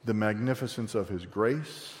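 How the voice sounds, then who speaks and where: A man's voice: on the low side, normal speed, slight background noise. Man preaching in a reverberant hall. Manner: conversational preaching with asides to the congregation. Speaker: pastor. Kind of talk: sermon.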